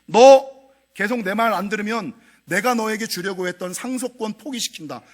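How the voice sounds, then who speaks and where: A man voicing an angry rich father who threatens his son, loud and harsh. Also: high voice, fairly quick. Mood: threatening.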